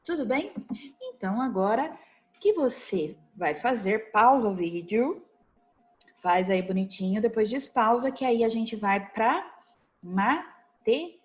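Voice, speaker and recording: A woman's voice: fairly high pitch, expressive, unhurried. A Brazilian woman teaching a recorded online class to young children, patient and coaxing, checking in often with short questions. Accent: Brazilian Portuguese. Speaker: primary school teacher.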